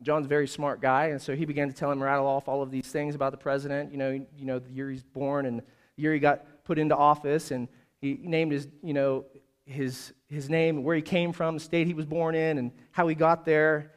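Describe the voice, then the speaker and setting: High-voiced preacher building to loud calls. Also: male voice, level tone, a little fast, clean tone. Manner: storytelling preacher who builds to loud, high-pitched exhortation. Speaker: pastor. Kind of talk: sermon. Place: church service.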